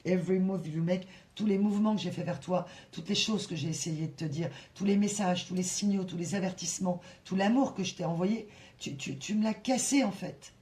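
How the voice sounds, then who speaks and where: A woman giving a spontaneous tarot reading to her viewers, her voice mellow and warm in tone. She circles back on her words, stumbles over restarts, and presses her points with emphatic little tags. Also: on the low side, fairly quick. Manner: animated, repetitive, with frequent fillers and restarts; breaks into soft sung song lines. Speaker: tarot reader. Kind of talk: casual channeled tarot reading.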